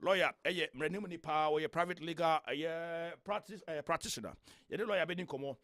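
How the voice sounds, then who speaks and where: A man's voice: on the high side, normal speed, a bit bright, no room sound. Ghanaian male radio host, dry studio sound. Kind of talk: radio current-affairs interview, mixing Twi with English phrases. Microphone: close studio microphone.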